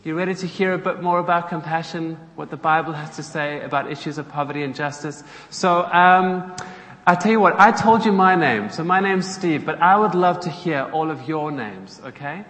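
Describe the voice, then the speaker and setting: A South African guest speaker from a charity gives a chatty church talk to a congregation in a church hall, drawing people in with questions. His voice is on the high side, a bit bright, at normal speed, and the echoey hall holds faint ambience.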